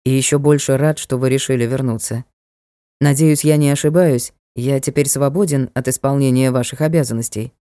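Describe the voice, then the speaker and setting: A woman's voice: extremely low pitch, steady tone, brisk, warm tone, no room sound, studio quality, voice pushed down. A woman reading an audiobook voices a bewildered young man who speaks in a restrained, subdued way. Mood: reserved.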